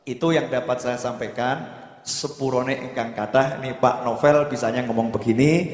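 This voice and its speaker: A man preaching a sermon, telling stories and then loudly urging the congregation. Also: medium pitch, steady tone, moderate pace. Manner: storytelling, rising to loud urging. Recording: echoey hall.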